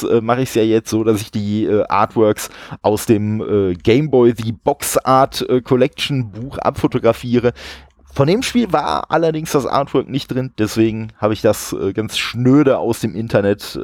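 A man's voice: on the low side, a little mellow, no echo, studio quality. Chatty man hosting a retro gaming podcast. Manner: chatty, many fillers, laughs often. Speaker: podcast host. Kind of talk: casual podcast chat.

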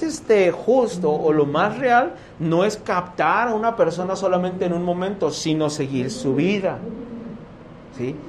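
A man with a Mexican accent teaching a youth Bible class, lively and constantly checking in with his listeners. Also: sits high, slight background noise. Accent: Mexican Spanish. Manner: animated, keeps asking "¿sí?" to check his listeners. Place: room with a live class.

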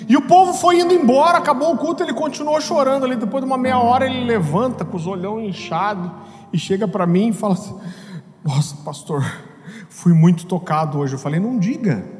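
A Brazilian man, a pastor, telling a story in a sermon with lively humor and acted-out voices. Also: extremely high pitch, quick pace. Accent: Brazilian Portuguese. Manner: animated, acts out voices, jokes. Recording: hall reverb with music behind.

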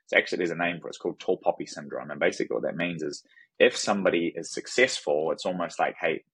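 A man's voice: deep voice, fast talker, slightly rough, no room sound. A young man with a New Zealand accent, a podcast guest chatting casually with lots of restarts. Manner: relaxed, frequent restarts and fillers. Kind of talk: casual conversation.

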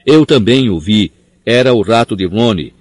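A man's voice: fairly low pitch, expressive, moderate pace, dry recording. A man reading an audiobook, voicing an earnest, clever schoolgirl who pleads insistently. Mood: pleading. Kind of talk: audiobook character voice.

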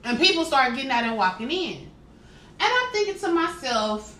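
A bright, high-voiced woman tells a story with lots of swing in her pitch. She sounds exasperated as she acts out the people in it. The room is echoey, with a little noise in the background. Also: normal speed. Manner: animated, exasperated retelling with quoted voices. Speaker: podcast co-host telling a story. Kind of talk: casual storytelling chat.

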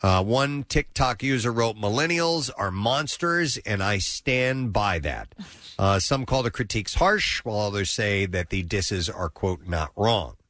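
Bright-voiced man hosting a radio show. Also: on the low side, expressive, unhurried, no echo, studio quality. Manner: reads news items aloud, laughs often. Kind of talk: casual chat.

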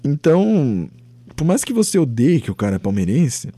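A young Brazilian man hosting his own podcast, giving a rambling, animated opinion monologue, swearing freely and acting out quoted voices. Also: medium pitch, normal speed, husky, no room sound. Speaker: podcast host.

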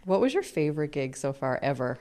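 A woman hosting a podcast interview. She asks questions in a relaxed, affirming way. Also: deep voice, brisk. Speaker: podcast host. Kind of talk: conversational interview.

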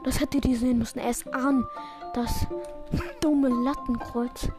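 A high-pitched woman talks through a video game match as it happens. Her play-by-play is excitable and self-mocking. Game music plays clearly underneath her voice. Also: a little slow. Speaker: gaming video creator. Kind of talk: live gameplay commentary.

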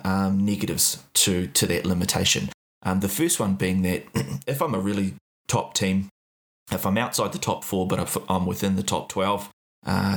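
Male podcast host, low voice, thoughtful, measured questioning. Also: vocal fry. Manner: measured, probing, many fillers. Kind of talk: casual podcast interview.

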